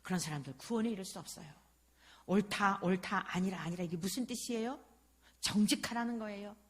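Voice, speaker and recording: A woman's voice: medium pitch, brisk. A woman pastor preaching a sermon with passion, firing rhetorical questions and frequent interjections.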